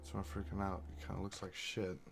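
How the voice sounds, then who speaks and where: A man's voice: low-pitched, monotone, quick pace, vocal fry, slight background noise. A man giving casual let's play commentary as a gaming streamer.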